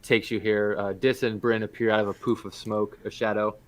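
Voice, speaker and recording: Low-voiced man running a tabletop game. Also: level tone, fairly quick. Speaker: game master. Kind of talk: casual tabletop game narration and chat.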